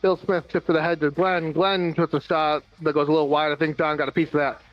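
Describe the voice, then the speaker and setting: The audio is dull and faint music plays behind a high-ish, flat male voice. An American commentator races through an amateur floor hockey game play by play, covering passes and shots with dry asides.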